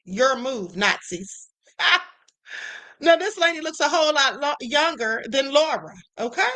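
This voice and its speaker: A high-voiced woman hosts a live stream. She talks in a bright, sassy way, stretching out her asides for emphasis. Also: animated, measured pace. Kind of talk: casual commentary.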